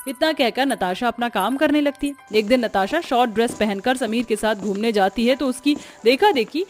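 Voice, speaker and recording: A woman telling a cartoon family story as narrator, steady and plain. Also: a little high, moderate pace, faint music behind.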